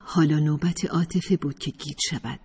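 A woman narrating an audiobook in a measured, steady reading voice. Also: deep voice, slightly rough. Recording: reverberant room.

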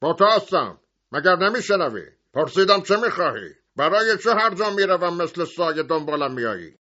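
A man voicing a callous grown horseman who talks down loudly and mockingly. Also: a little high, very animated, voice pushed up, full character voice. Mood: taunting. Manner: loud and taunting. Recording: dull lo-fi recording.

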